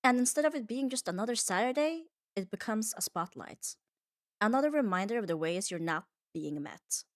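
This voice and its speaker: This ASMR performer's medium-pitched voice is animated and moves at a moderate pace as she delivers a scripted, comforting monologue, earnest and reflective, built from short, emphatic phrases. It's a dry, studio-quality recording.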